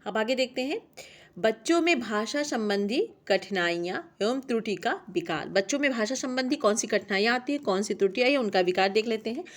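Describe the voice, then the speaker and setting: A woman's voice: a little high, fairly quick. Woman teacher reading exam points. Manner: reads lists of points, steady classroom delivery.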